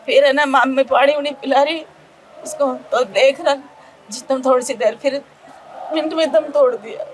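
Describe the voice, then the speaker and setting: Grieving woman, tearful, high-pitched, pleading and broken delivery, faint outdoor noise. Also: fairly even intonation. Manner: distraught, pleading, rapid and broken. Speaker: victim's relative. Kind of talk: emotional interview answers. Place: outdoors by a police station.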